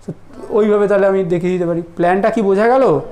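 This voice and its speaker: A man teaching a math lesson in a relaxed classroom style, often asking whether students follow. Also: high-pitched, fast, faint music behind. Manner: conversational, checks understanding often.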